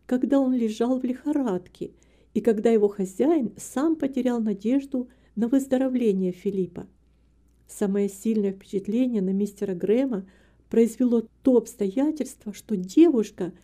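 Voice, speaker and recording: A woman narrating an audiobook in a measured, expressive reading. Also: a little high. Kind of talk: scripted narration.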